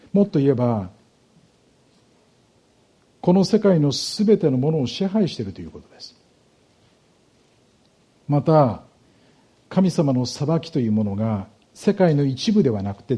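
Husky, dark-voiced man preaching. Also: medium pitch. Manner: explanatory, measured, with rhetorical questions to the congregation. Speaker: pastor. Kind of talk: sermon, Bible exposition.

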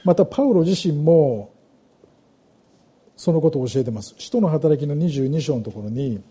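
A middle-aged male pastor gives a sermon, reading scripture aloud and turning to the congregation with questions. His voice is dark and mellow, slightly raised in pitch, with a husky edge. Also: lively intonation, normal speed.

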